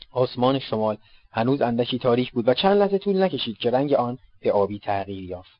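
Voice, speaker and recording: Male audiobook narrator, mid pitch, steady reading, muffled lo-fi and close. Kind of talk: scripted narration. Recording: dull lo-fi dry recording.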